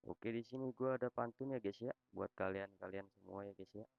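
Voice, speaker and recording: A low, gravelly male text-to-speech voice in the social media style, introducing a channel with casual slang. The delivery is robotic and repeats little tag phrases, in a dull, lo-fi and very dry recording. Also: brisk, dry recording. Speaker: video channel host.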